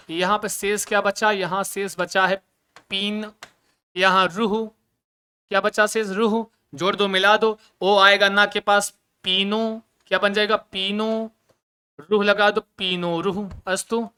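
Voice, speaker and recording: A male teacher giving a lively grammar lesson, asking questions and answering them himself, with joking asides. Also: high-pitched, smooth.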